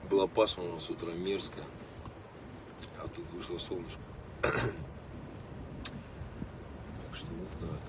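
A man's voice: sits low, steady tone, slow pace, long pauses. A man in his late thirties chatting casually with fans on a livestream from inside a car in city traffic, greeting viewers by name. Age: late 30s. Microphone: phone held or mounted at arm's length. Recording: distant phone mic with street noise.

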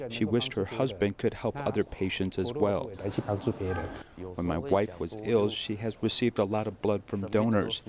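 Man, low voice, calm interview dub, music in background. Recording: voice-over with music underneath.

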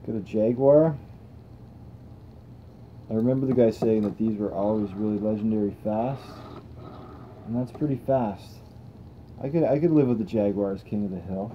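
A man's voice: fairly low pitch, normal speed, pauses often, lo-fi sound, slight background noise. A young man hosting a toy car channel, chatting casually and thinking aloud as he tests cars on a table indoors. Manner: relaxed, rambling, thinks aloud while testing cars.

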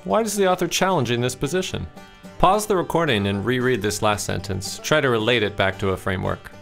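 A man's voice: medium pitch, expressive, a little fast, creaky, a bit bright, soft background music. A man giving a casual, playful video lesson as a test prep instructor, acting out his own thoughts while reading.

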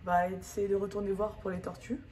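A woman talks quickly and casually to her travel vlog, her mid-range voice level in tone. She films on a handheld phone at arm's length, outdoors on beaches and in a moving car, so the sound is muffled and noisy with wind and car.

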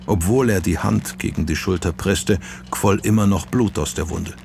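A man with a low voice reads an audiobook in measured, dramatic narration. A faint hiss sits behind him. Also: vocal fry, darkish tone. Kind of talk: scripted narration.

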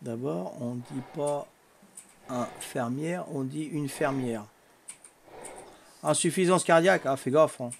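Older Corsican man, game streamer, teasing banter, slightly high voice, faint hum behind. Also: moderate pace, creaky, hardly any pauses. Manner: teasing, chatty, peppers talk with "hein". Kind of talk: casual live-stream chat while gaming.

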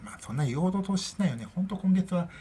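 A woman's voice: on the low side, animated, rapid-fire, warm tone, slight background noise. A middle-aged woman hosting a casual solo podcast chat, rambling and chatty and laughing often, into her own microphone. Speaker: podcast host.

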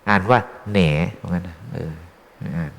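A man's voice: low-pitched, fairly quick, a bit bright. A Buddhist monk giving an informal, chatty dharma talk, teasing his listeners with questions. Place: temple hall. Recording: long hall reverb.

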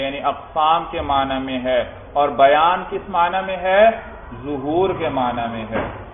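A man giving a classroom lecture on Islamic jurisprudence, reading Arabic text aloud and explaining it, often asking questions and answering them himself. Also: a little high. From Pakistan. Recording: echoey, phone-like, lightly noisy classroom recording.

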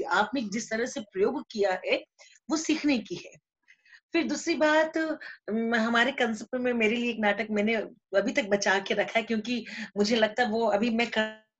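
A woman's voice: fairly high pitch, normal speed. A woman with an Indian Hindi accent hosting an online theatre workshop, speaking in an effusive, eager and appreciative way. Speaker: workshop host. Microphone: video call. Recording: muffled video-call audio.

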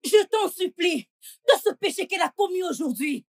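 A woman dubbing the role of a pious, excitable young housemaid who prays loudly and dramatically. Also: on the high side, husky, no room sound, studio quality, heavily acted. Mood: pleading. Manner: loud pleading prayer, drawn-out chanting. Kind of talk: dubbed film acting.

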